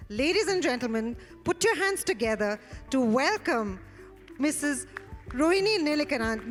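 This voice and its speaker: A woman reads a formal, ceremonial stage introduction as an event host. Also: high voice. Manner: ceremonial, announcing. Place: large hall stage. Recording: echoing hall sound with music.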